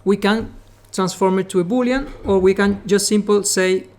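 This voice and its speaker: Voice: mid-range voice, steady tone, moderate pace, darkish tone. A native Spanish speaker from the Caribbean teaching a live coding class with a Caribbean Spanish accent, explaining step by step and often saying "remember" and "okay". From Latin America, Caribbean. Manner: repeats 'remember' and 'okay', explains step by step, coaxes students. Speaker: programming instructor.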